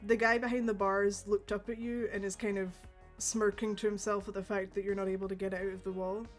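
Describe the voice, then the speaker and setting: A woman's voice: mid-range voice, level tone, fairly quick. Casual woman game master narrating a tabletop game, faint music behind. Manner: casual and easygoing, with many fillers.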